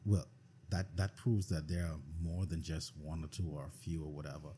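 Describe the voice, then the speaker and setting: A man's voice: very deep voice, steady tone, normal speed, dark tone, a little hiss or hum. A Bahamian man, a podcast guest, talking bluntly and earnestly in a casual discussion, often repeating himself.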